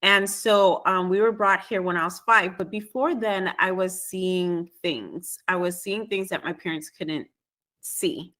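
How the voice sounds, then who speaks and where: A woman from Trinidad, a spiritual alignment coach, answering interview questions in a measured way with frequent ums. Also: on the low side, fairly even intonation, fairly bright tone. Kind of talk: podcast guest interview.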